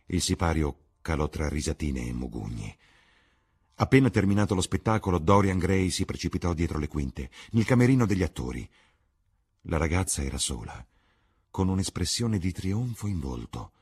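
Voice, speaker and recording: A man reading a classic novel aloud in an expressive, theatrical way. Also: low voice, normal speed, breathy edge. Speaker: reader. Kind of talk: audiobook narration.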